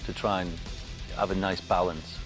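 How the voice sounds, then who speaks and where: A band member talks about a new album in a documentary interview, his low voice delivered flatly at a moderate pace. He comes across as eager and blunt, swearing casually and sounding enthusiastic, while music plays underneath.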